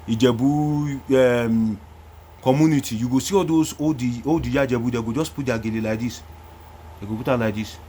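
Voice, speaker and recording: A Nigerian man giving animated political commentary, singing chants and mimicking voices, with loud bursts and hushed asides. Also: fairly high pitch. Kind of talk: animated commentary mixing Pidgin and Yoruba.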